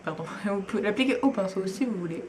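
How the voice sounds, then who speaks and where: A woman's voice: medium pitch, animated, fast, background noise. A young woman, chatting enthusiastically through a makeup tutorial at home, with frequent fillers and asides. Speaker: beauty vlogger.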